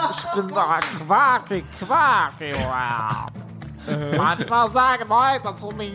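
A man's voice: high-pitched, exaggerated voice. A man voicing a goofy self-declared duck man who rambles and sings nonsense rhymes in a comedy podcast bit. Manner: goofy sing-song nonsense rhyming.

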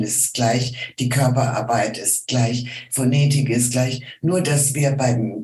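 Middle-aged woman voice coach as a guest, deep-toned, unhurried and measured, pausing often, in a roomy room. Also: a little mellow. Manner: slow, deliberate, with many hesitations. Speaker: voice and singing teacher, guest. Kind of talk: casual interview talk.

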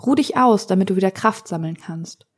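A woman voicing a kindly, gentle small old woman who speaks tenderly and soothingly, in a storybook reading. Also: medium pitch, fairly quick, natural voice. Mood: comforting.

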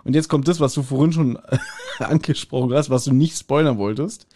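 A man's voice: mid-range voice, normal speed, warm tone, a little hiss or hum. A man co-hosting a podcast, casually retelling and discussing an audio drama episode, often laughing. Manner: chatty, retells the plot with frequent laughs. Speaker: podcast co-host.

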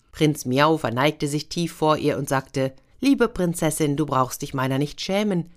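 Low-voiced woman telling a fairy tale. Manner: gentle, expressive storytelling, brief voices for figures. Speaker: storyteller.

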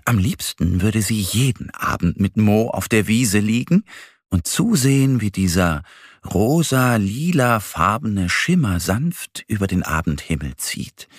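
A man narrating a children's bedtime story in a slow, gentle, expressive way. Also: on the low side, dry recording, clean studio sound.

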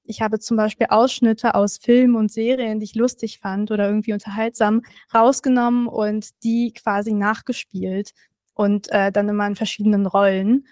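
A young content creator from Berlin, Germany answers interview questions casually as a guest, friendly but hesitant and full of "ähm". Her mid-range voice is a little mellow with little pitch movement at normal speed, recorded dry and close, remotely from another room.

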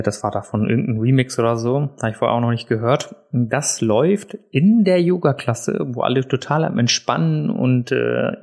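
A man's voice: medium pitch, darkish tone. A man talks casually into a desk microphone as the host of his own podcast. He is chatty and pokes fun at himself, with frequent um and uh fillers. He sits indoors in a room set up for recording. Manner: chatty, self-deprecating, many filler sounds. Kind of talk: casual solo podcast chat. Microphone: podcast mic on a desk, also filmed for video.

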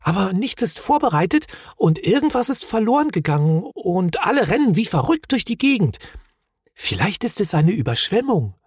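A man's voice: high-pitched, very animated, normal speed, breathy edge, no echo, clean studio sound, pitched above the performer's own voice, heavily acted. A man voicing a timid, worried young male troll in a storybook reading. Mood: alarmed. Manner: anxious, soft.

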